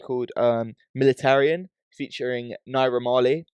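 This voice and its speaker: A man's voice: medium pitch, fairly even intonation, normal speed, a little mellow, clear, resonant tone, no echo. A British man hosting a podcast in casual, slangy chat, often tagging his points with "bro" or "yeah". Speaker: podcast host.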